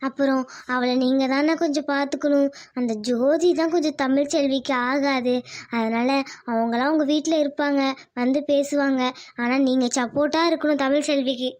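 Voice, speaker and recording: A woman's voice: high-pitched, fairly even intonation, moderate pace, a little mellow, close to an everyday voice. A woman voicing a chatty, loyal young woman in a cartoon. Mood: reassuring. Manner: coaxing, talkative. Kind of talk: cartoon voice acting.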